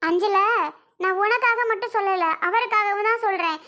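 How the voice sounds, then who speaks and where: A woman's voice: very high-pitched, normal speed, pushed and bright. A woman playing a young sister-in-law who pleads with and lectures a relative in a home-made family drama skit. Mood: pleading. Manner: pleading, lecturing, repeats herself.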